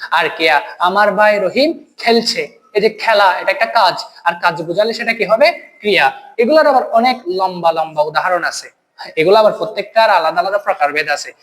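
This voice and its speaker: A man's voice: high-pitched, fairly quick, fairly bright tone. A man with a Bangladeshi accent teaching an online grammar lesson, asking quiz questions and answering them himself. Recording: long reverb.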